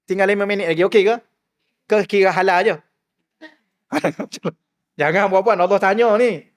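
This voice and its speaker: A man's voice: high voice, unhurried. A middle-aged man giving a mosque lecture, asking the audience rhetorical questions and acting out the people he quotes. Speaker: religious teacher.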